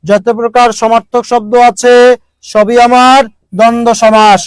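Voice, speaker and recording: High-pitched man teaching grammar. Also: level tone, normal speed, clear, resonant tone, no room sound. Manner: repetitive, drilling questions to students. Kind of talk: online grammar lesson.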